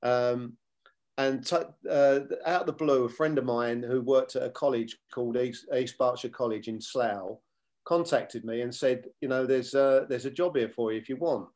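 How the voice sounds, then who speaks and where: An older man speaks at a middle pitch as an interview guest. He talks in a measured, unhurried way, reliving his playing and coaching years and quoting old conversations as he goes. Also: fairly even intonation, a little mellow. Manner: measured, many fillers and restarts, retells dialogue. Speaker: former footballer and coach, guest. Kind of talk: reflective interview storytelling.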